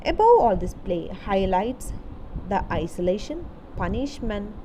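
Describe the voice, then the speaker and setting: Her mid-range voice swings widely in pitch as she narrates a scripted educational piece slowly, in short, deliberate phrases, much like a literature teacher explaining. Clear background noise sits under her voice in the recording.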